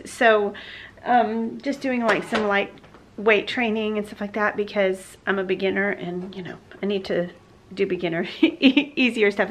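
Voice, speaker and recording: A woman's voice: a little high, a bit bright. A woman, chatting casually and rambling through a day-in-the-life vlog at home. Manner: chatty, rambling, with many fillers and restarts. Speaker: vlogger.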